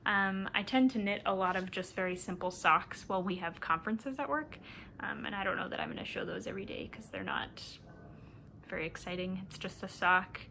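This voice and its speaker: A woman's voice: medium pitch, brisk, creaky, slight background noise. Chatty woman hosting a knitting podcast. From Minnesota. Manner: chatty and rambling, with soft laughs. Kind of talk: casual chat.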